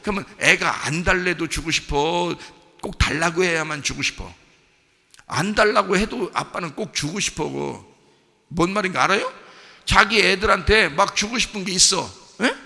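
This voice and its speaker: A male pastor preaching a sermon in a conversational, animated way, acting out a father and his children, recorded in a church sanctuary. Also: high-pitched, moderate pace, gravelly. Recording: church sanctuary with long reverb.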